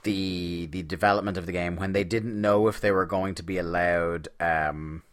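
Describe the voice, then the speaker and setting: A man's voice: low-pitched, fairly even intonation, normal speed, fairly bright tone. A man co-hosting a casual podcast chat, laughing often and trailing off with fillers. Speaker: podcast co-host.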